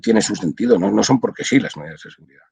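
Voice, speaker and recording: A man's voice: fairly low pitch, expressive, fast, vocal fry, darkish tone, breathy edge, no room sound, low-quality recording. An older man from Spain, a translator, explaining his work at length in a casual video-call interview, with many restarts. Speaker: audiovisual translator, interview guest.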